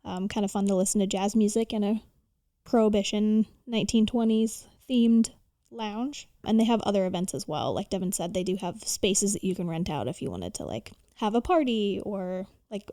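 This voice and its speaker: A woman's voice: mid-range voice, animated, moderate pace, warm tone, no echo, studio quality. An American woman co-hosting a podcast, casually sharing recommendations in informal speech peppered with "like". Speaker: podcast co-host.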